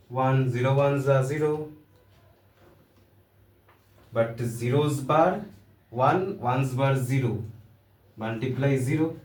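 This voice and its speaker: A man's voice: mid-range voice, a little mellow. A man with an Indian accent giving a casual, joking lesson in loose, hesitant phrasing. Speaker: teacher. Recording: roomy echo, voice from a distance.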